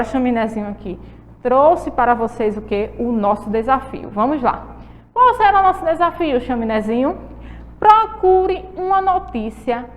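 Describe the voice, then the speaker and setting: A woman teacher with a Brazilian Portuguese accent leads a televised lesson for children in a high, bright register. She draws words out slowly to stress their syllables and keeps asking her young viewers questions. Her voice carries a long reverb. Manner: encouraging, asks the viewers questions.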